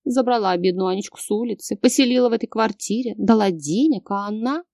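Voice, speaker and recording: A woman's voice: medium pitch, animated, moderate pace, warm tone, no echo, studio quality, natural voice. A woman reading an audiobook, voicing a scheming wife with a sing-song, mocking manner.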